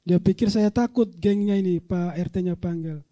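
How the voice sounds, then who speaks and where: A male pastor preaching a sermon with animated delivery, rising to loud shouts and laughing often, dropping low for quiet asides. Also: moderate pace.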